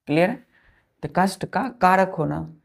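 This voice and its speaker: A woman teaching a vocabulary lesson, repeating words slowly and checking that the children follow, with an Indian English accent on the English words. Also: lowish voice, expressive, creaky. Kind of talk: vocabulary lesson, explaining word by word.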